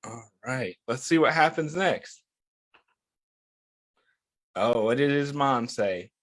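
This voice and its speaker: With an expressive, mid-range voice that's a bit bright, a man reads to young children as their story time host. He keeps things encouraging, stopping after his questions so the listeners can answer.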